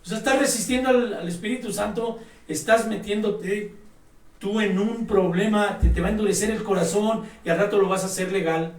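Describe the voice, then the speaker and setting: A man's voice: sits high, moderate pace, a little mellow. A man preaching a sermon, emphatic and exhorting, speaking directly to his listeners. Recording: echoey room, mic at a distance.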